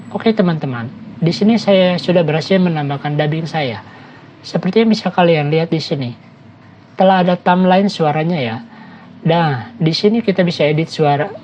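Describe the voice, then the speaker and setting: A woman narrating a screen-recorded app tutorial, giving steady step-by-step instructions and talking to viewers as friends. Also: deep voice, lo-fi sound, a little hiss or hum.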